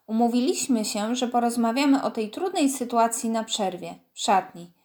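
Woman reading a kids' story, kinda high voice, lively and expressive. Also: moderate pace.

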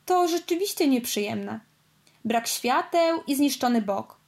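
A woman voicing a calm, understanding father car in a storybook, speaking gently. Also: high-pitched, a little slow. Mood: gentle. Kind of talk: storybook read-aloud.

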